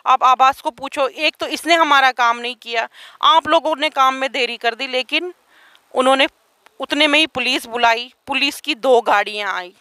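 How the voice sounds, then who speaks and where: A woman's voice: high-pitched, normal speed, sharp tone, no echo. A woman giving an urgent, aggrieved account as an interviewee, speaking outdoors. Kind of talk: emotional testimony.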